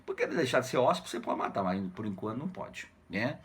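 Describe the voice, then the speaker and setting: A man's voice: medium pitch, sing-song, fast, breathy edge. A man with a Brazilian Portuguese accent, a teacher casually retelling a classic novel for students, slangy and jokey, always tagging "né?". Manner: jokey, slangy, constant "né?" tags, acts out characters' lines. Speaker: literature teacher.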